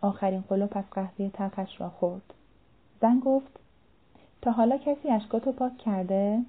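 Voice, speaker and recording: A woman tells a story at a measured pace, speaking the dialogue of both characters in her own voice. Her pitch sits in the middle range. The sound is narrow and thin, like a phone line. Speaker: narrator. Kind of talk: storytelling narration.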